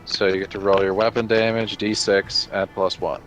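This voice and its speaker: A man's voice: fairly low pitch, flat delivery, moderate pace. A man acting as game master, patiently explaining the rules and narrating the fight with vivid flair. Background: soft background music.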